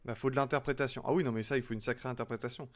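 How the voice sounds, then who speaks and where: A man's voice: medium pitch, steady tone, very fast. A young man chatting casually with his live-stream audience as he builds, chatty and self-mocking. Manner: chatty, self-mocking, talks to chat while working.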